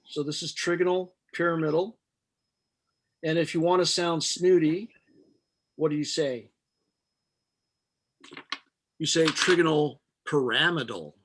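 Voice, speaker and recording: A man's voice: on the high side, fairly even intonation, normal speed, pauses often, slight background noise. A middle-aged man teaching a chemistry class, explaining step by step with patient jokes. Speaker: chemistry instructor. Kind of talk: live online chemistry lecture.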